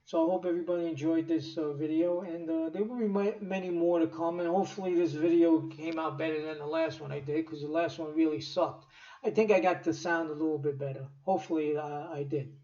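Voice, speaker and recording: A man's voice: on the high side, fairly quick, dark tone. Profane New man rambling a story. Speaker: storyteller vlogger. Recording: echoey, distant, dull home recording.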